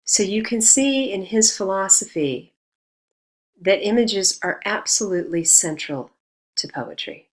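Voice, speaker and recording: A woman teaching a recorded lesson on poetry, explaining in a measured way and reading quotations aloud. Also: mid-range voice, lively intonation.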